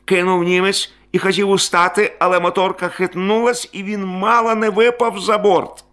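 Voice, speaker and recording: A man narrating a story aloud in an expressive reading style that rises and grows loud in tense moments. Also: sits high, normal speed.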